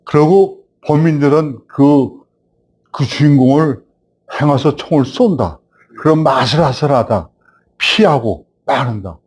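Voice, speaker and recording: A man in his seventies, a film director, telling a host stories from his past and growing animated as he recalls it. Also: medium pitch, measured pace, breathy edge. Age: 70s. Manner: animated storyteller, rising when recalling the past. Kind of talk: reminiscing storytelling.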